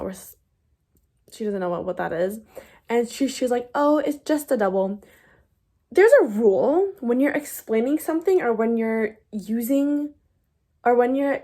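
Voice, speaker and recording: A young woman talks straight to her vlog audience in a loose, chatty way. She rambles and restarts her sentences and scatters fillers through them. Her voice sits at an average pitch for a woman. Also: darkish tone. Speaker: vlogger. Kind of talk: casual vlog chat.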